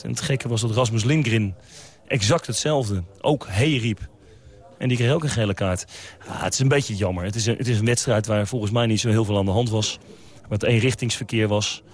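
Low-voiced football coach after a match. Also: male voice. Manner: measured, reflective, with hesitations and restarts. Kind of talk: post-match interview.

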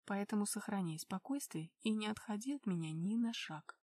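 A woman's voice: moderate pace, lightly acted. Woman doing a whispering protective young husband. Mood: calm whisper. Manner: whispering, low and steady.

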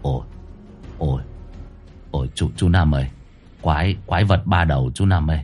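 A man's voice: deep voice, lively intonation, normal speed, a little mellow, slightly rough, soft background music, pitched below the performer's own voice. A man voicing a jittery young man who stammers as he talks. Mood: frightened.

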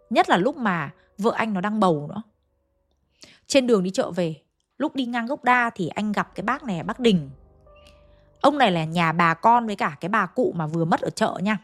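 A woman telling a ghost story in a chatty, casual way, talking straight to her listeners. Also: medium pitch. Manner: chatty, addresses listeners directly.

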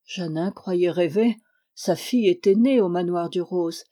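A woman reading a historical novel aloud as audiobook narration, in a steady, measured way. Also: on the low side. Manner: steady, measured reading, lifting the voice for quoted dialogue. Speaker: audiobook reader.

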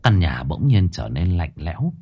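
A man narrating a horror story in a dramatic, highly expressive manner. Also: normal speed, slightly rough. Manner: highly expressive, rising to cries.

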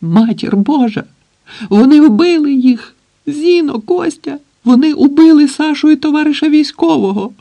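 Guy reading an audiobook doing a skinny gray old man screaming hysterically, voice way up high. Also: lively intonation, moderate pace, vocal fry, warm tone, no echo, exaggerated voice. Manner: shrieking, frantic calling out. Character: thin grey-haired older man, hysterical with grief.

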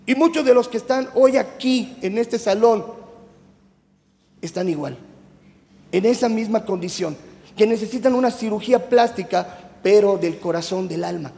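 A man's voice: sits high, gravelly, warm tone. A man with a Mexican Spanish accent preaching a youth sermon to a live congregation in a church hall, chatty and teasing, quizzing the audience as he goes. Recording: echoey hall with long reverb.

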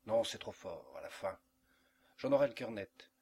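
A man's voice: lowish voice, sing-song, normal speed, creaky, darkish tone, breathy edge, exaggerated voice. A man voicing an anxious, nervous mother in a read-aloud story, with tense and agitated speech. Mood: exasperated.

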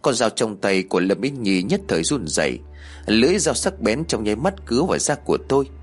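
A man narrating a serialized audiobook in a steady storytelling manner. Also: on the low side, fairly quick, breathy edge, faint music behind.

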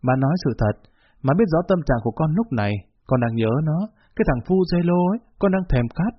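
A cold, blunt middle-aged mother, read by a man, speaking in a flat, level voice that never softens. The voice sounds husky, and the storybook recording sounds dull and lo-fi. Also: mid-range voice, fast. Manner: flat, level, unbending delivery.

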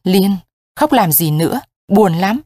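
A woman reading the part of a weary young woman who speaks softly, choked with emotion. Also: mid-range voice, lively intonation, slow pace, dry recording, studio quality. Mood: sad.

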